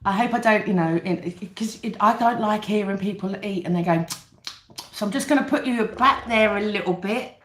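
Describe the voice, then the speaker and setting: A woman's voice: medium pitch, normal speed. British woman chatting through a mukbang, echoey room. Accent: British English. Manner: chatty mukbang-style talk while eating dinner. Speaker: livestream host. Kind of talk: casual live chat over a meal.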